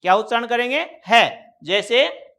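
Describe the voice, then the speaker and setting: A man's voice: very high voice, animated, a little slow, a bit bright, smooth. Hindi grammar teacher quizzing his class. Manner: explains step by step, quizzing students with repeated questions. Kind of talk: classroom lecture on a whiteboard.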